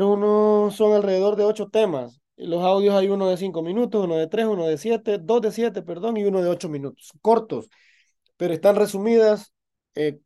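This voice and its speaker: A man's voice: high-pitched, dark tone. A man teaching an online class, explaining concepts in an encouraging way, with frequent restarts. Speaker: university instructor.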